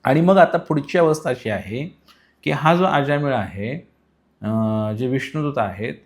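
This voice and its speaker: A male preacher telling a devotional story to his listeners in a calm, explaining tone. His voice sits at an ordinary middle pitch. He lifts it higher and louder when he stresses a point. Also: unhurried. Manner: explains patiently, rising in pitch and volume for emphasis.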